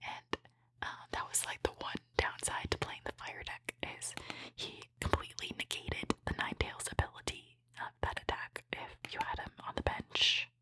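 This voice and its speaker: Whispering breathily without voicing, a woman gives gentle, appreciative ASMR commentary while opening trading cards. She talks at normal speed, and the recording is low quality.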